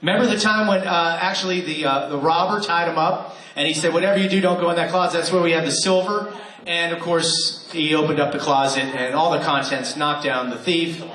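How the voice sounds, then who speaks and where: This is warm-up banter from the host of a live radio theater show, a man who jokes with the crowd and coaxes them through practicing cue cards. His voice is a little high and a bit bright, brisk, with fairly even intonation. The recording comes from an echoey hall with a crowd, audience noise and applause.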